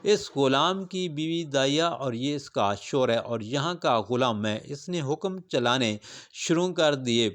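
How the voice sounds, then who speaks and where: A man's voice: medium pitch, lively intonation, a bit bright. A man retelling a religious story as a sermon, with dramatic exclamations and rising fervor.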